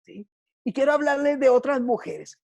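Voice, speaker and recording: A woman's voice: high-pitched, lively intonation, moderate pace, creaky, darkish tone. A middle-aged woman preaching a sermon, often checking in with her listeners by asking "¿sí?" and "¿cierto?".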